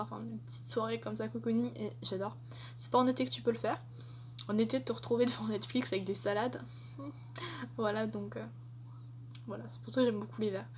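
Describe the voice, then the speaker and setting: A young adult woman vlogger answers tag questions in a casual, chatty vlog, hesitating often with lots of fillers. Her voice is fairly high with a darkish tone, and there's slight background noise.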